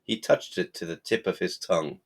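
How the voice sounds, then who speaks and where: A man narrating a folktale audiobook in a measured storytelling manner. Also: low voice, creaky, slightly rough. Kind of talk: scripted narration.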